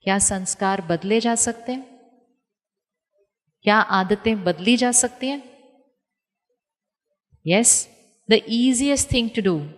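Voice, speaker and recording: A woman giving a calm spiritual talk to an audience, teaching step by step with rhetorical questions and repetition. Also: a little high. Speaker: spiritual speaker. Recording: long hall reverb.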